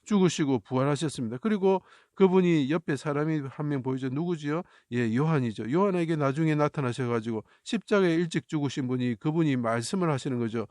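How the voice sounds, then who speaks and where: A man's voice: fairly high pitch, fairly quick, hardly any pauses, a little mellow, dry recording, clean studio sound. A Korean man teaching scripture through Chinese characters, explaining step by step and breaking into fervent quoted prayers. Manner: explains step by step, rises to fervent cries when quoting scripture. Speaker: Bible teacher. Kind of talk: lecture on Chinese characters in the Bible.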